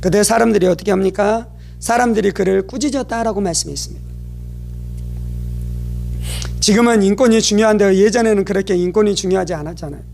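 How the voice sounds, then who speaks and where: A man preaching a sermon in a high voice with a gravelly rasp underneath. He asks his listeners question after question and climbs into loud, impassioned cries. His delivery is dramatic and full of fervor. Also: quick pace, faint music behind. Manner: dramatic preaching, rising to shouted cries when quoting the blind man; rhetorical questions to the congregation. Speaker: pastor.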